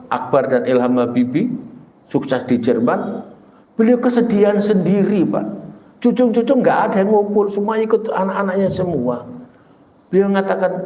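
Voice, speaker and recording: Middle-aged male preacher, pitched a bit high, animated and jumpy in delivery, recorded in a room with echo. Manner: animated storytelling with sudden pitch jumps. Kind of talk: sermon. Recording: echoey room.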